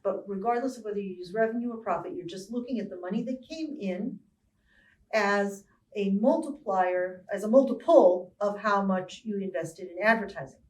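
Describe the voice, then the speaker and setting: A woman professor giving a recorded lecture on marketing, explaining clearly and stressing key words deliberately. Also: mid-range voice, darkish tone. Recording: roomy sound from a distance from the mic.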